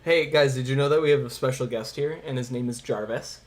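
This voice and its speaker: Chatting with viewers on his livestream, a man in his twenties keeps things informal and rambling, throwing in some swearing over background music. His voice is medium-pitched and brisk.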